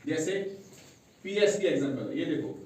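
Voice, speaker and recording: A man's voice: fairly high pitch, sing-song, normal speed, a little mellow. A male English teacher giving a classroom lesson, quizzing his students with repeated call-and-response questions. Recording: very echoey room, mic far off, faint noise.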